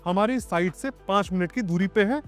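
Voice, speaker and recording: A man with a Lucknow accent walks viewers through a plot site outdoors, explaining and prompting his guest with questions. His voice sits a little high. Soft music plays faintly underneath. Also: normal speed. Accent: Lucknow Hindi. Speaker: property video host. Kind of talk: on-site walkthrough interview.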